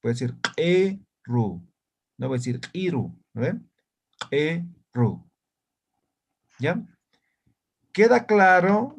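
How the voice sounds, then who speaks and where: A man's voice: medium pitch, creaky. A man teaching an online language lesson, explaining step by step and often checking understanding with short tag questions.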